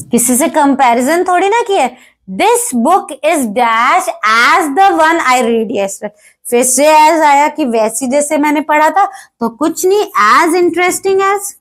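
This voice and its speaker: In a voice that sits high with a fairly bright tone, a woman explains grammar one step at a time. She reads English example sentences at a slow pace and keeps checking that students understand.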